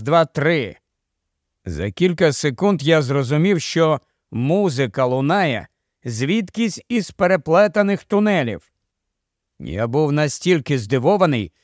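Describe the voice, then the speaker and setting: A man narrating a story as an audiobook in a measured, deliberate way. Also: a little high, no echo, clean studio sound.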